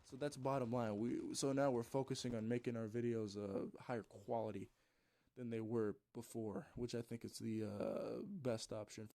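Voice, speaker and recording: A man's voice: mid-range voice, fairly even intonation, moderate pace, creaky, dark tone. A man, a gaming YouTuber, rambling through a casual story with loose swearing and plenty of fillers.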